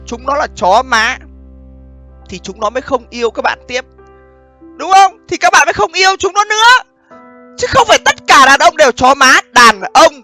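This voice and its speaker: A man delivers a casual, blunt monologue on relationships with plenty of swearing. His voice sits very high and swings widely, with a sharp, forceful edge as he keeps checking that his listeners follow. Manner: blunt, profane, often asks "understand?" and "right?". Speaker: online host giving relationship commentary. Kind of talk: casual monologue addressed to viewers.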